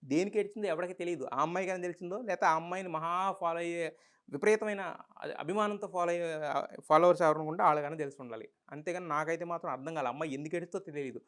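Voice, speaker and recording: A man's voice: on the high side, racing, a bit bright. A man with a Telugu accent giving an opinionated, argumentative review monologue full of rhetorical questions. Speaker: reality show reviewer.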